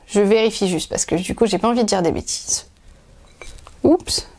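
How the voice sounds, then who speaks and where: A woman hosting a knitting podcast, talking to her viewers as if to friends. Her talk wanders, full of pauses and restarts. She sounds relaxed and unscripted, speaking from home. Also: mid-range voice. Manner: rambling, full of hesitations and restarts. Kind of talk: casual chat to viewers.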